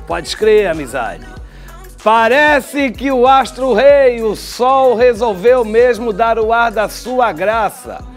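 An older man with a Brazilian Portuguese accent giving chatty studio TV commentary, with wry asides and drawn-out sign-offs. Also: very high voice, expressive, soft background music. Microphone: lapel mic.

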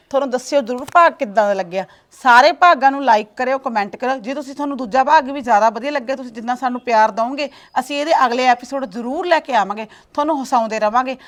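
Brief: woman host, polite sign-off to viewers, lively pace. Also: sits high, fast, hardly any pauses. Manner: polite and friendly. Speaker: channel host. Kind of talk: outro address to viewers.

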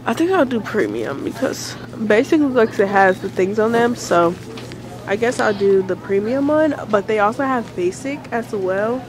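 A woman's voice: mid-range voice, moderate pace, background noise. A young woman, slightly congested, chatting casually through a shopping haul vlog full of fillers. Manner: chatty, relaxed, filler-heavy. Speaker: vlogger.

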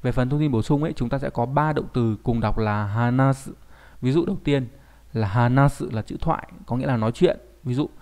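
A male teacher walks through kanji in an online lesson. He explains patiently in an ordinary middle pitch. He keeps checking in with the learner through tag questions. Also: fairly quick, darkish tone. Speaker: Japanese language teacher.

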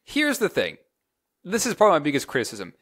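Excitable young man reviewing a film. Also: a little high, quick pace. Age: 20s. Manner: excitable, rambling with many restarts. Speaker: movie reviewer. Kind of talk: casual chat.

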